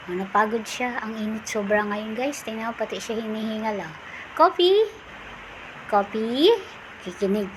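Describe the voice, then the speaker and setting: A woman's voice: fairly high pitch, steady tone, fairly quick, hardly any pauses. A woman vlogger casually narrating what her dog is doing, now and then calling to it in a cooing, sing-song voice. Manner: coos and calls to her pet in a sing-song voice. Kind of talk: casual running commentary. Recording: audible background noise.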